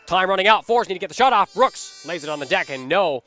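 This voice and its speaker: A man calling a lacrosse game live from a commentary booth, steady and energetic, lifting on big plays. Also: high voice, quick pace, faint music behind. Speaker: play-by-play commentator.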